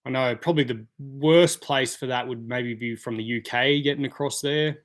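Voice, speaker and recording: A man's voice: mid-range voice, normal speed. A man hosting a casual live stream, chatting and answering viewer comments by name. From Australia.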